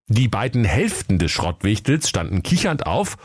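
A man narrates a children's storybook tale with playful relish. His voice sits low, and the recording is close and dry with no room sound. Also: big pitch swings, moderate pace, breathy edge, no echo.

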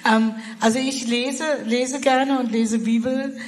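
A German woman who is a missionary answers interview questions hesitantly, with lots of fillers and restarts. Her voice sits on the high side, slow and fairly even in intonation, with a long reverb tail.

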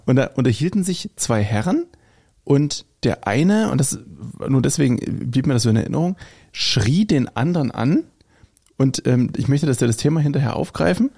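Man with a German accent, podcast co-host in casual chat, gravelly and mellow, meandering storyteller. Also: medium pitch, animated, moderate pace. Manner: rambling, anecdotal, self-correcting.

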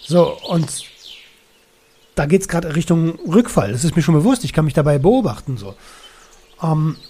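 Man, candid and reflective vlogger, informal slang; slightly high, soft tone. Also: sing-song, moderate pace, husky. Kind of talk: casual personal vlog.

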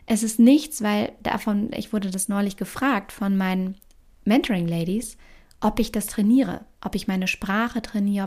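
A woman hosting a motivational podcast, speaking emphatically. She drops into whispered asides and laughs easily. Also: mid-range voice. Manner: expressive, emphatic, with whispered asides and playful quoted inner voices. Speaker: podcast host.

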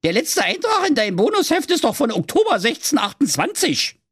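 A man's voice: wildly swooping pitch, brisk, a bit bright, slightly rough, no room sound, studio quality, full character voice. A man voicing a cheeky young girl, brash and blunt, in a comic fairy tale. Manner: brash and squeaky.

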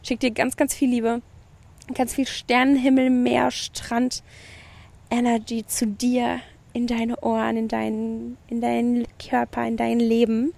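A woman's voice: fairly high pitch, completely flat delivery, unhurried, creaky, darkish tone. A woman hosting her own podcast, giving an effusive spiritual pep talk, swearing casually and mixing in English phrases. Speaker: podcast host. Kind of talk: spiritual motivational monologue. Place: outdoors by the sea at night.

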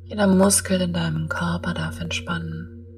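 A woman guiding a meditation in a soft, breathy, half-whispered soothing voice, speaking in slow, spaced-out calm instructions. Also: lowish voice, distant mic, faint music behind. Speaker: podcast host and meditation guide. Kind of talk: guided meditation.

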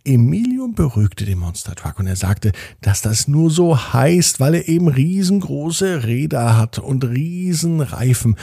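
A man tells a bedtime story in a gentle, expressive manner. His voice is dark, husky and gravelly, recorded close and dry. Faint music plays underneath. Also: on the high side, measured pace, few pauses, no room sound.

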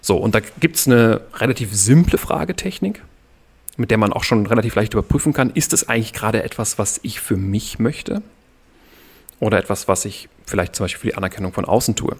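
Male podcast guest, lowish voice, measured and explanatory, calm delivery. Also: husky. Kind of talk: podcast conversation.

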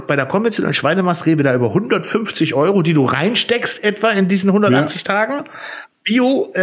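A man's voice: high voice, fairly bright tone. A man from Germany co-hosting a casual cooking podcast, explaining things step by step with lots of fillers. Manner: explains with figures, many fillers. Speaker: podcast co-host.

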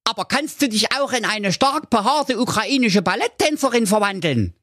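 A man's voice: high-pitched, normal speed, no echo, clean studio sound, voice pushed up. A man voicing a cheeky, scheming male talking dog in a comic storybook reading, in a raised, strained voice. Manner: impudent, mock-flattering.

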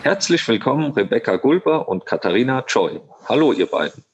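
A man's voice: medium pitch, very animated, brisk, highs cut off, soft background music. A man hosting a podcast interview, friendly and a little hesitant, with many fillers. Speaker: podcast host. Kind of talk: casual interview.

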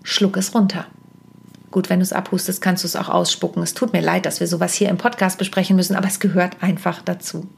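A woman's voice: fairly low pitch, level tone, fast talker, vocal fry. A middle-aged woman hosting a podcast, giving voice-care advice in a chatty, direct way with asides and self-corrections. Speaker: podcast host and stage coach. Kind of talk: casual spoken podcast advice. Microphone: podcast microphone.

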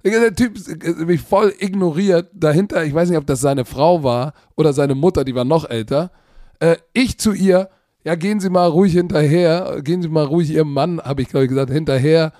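A man's voice: on the high side, no echo, studio quality. A man co-hosting a podcast, telling stories in a casual, slangy way and acting out the dialogue. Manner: animated, slangy, acts out dialogue. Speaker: podcast co-host. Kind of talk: casual chat, storytelling.

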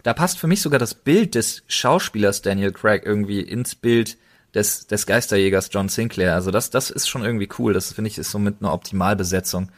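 On a laid-back podcast, a German co-host with a lowish voice talks briskly and colloquially, pressing his points with enthusiasm and frequently doubled intensifiers.

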